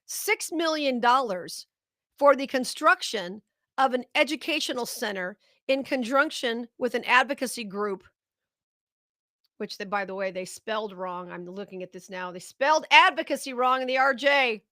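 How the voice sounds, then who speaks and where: A woman's voice: on the high side, animated, normal speed, bright, forceful tone, dry recording, studio quality. A middle-aged woman hosting a live political commentary show, talking straight to her viewers with indignant, sarcastic outrage.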